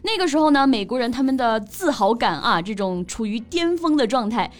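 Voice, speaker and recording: A young woman co-hosts a bilingual English-learning podcast in a bright, chatty way. Her voice sits somewhat high and rises and falls a great deal as she stresses key words. She laughs easily along the way. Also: a little fast. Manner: lively, explains with rising emphasis, laughs easily. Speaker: podcast co-host.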